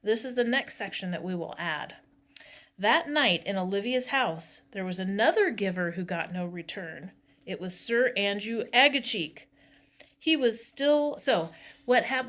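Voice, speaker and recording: A woman's voice: medium pitch, a bit bright. A woman is reading a story aloud to a drama class. She reads with expression and breaks off now and then to explain the staging to the students. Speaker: drama teacher.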